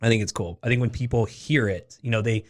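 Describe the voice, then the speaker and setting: A man from Oregon hosting a casual interview, chatty and encouraging, with lots of quick affirmations. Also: lowish voice, a little mellow. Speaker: podcast host.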